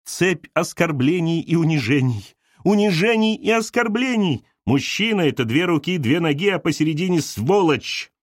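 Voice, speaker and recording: A small bossy older woman laying down the law, as a male narrator puts her on, lively and sing-song when she mocks. the recording is dry and close. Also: on the high side, moderate pace, no echo, pitched above the performer's own voice. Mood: scornful. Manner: lecturing, sharp and commanding. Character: bossy little older woman, scornful and preachy.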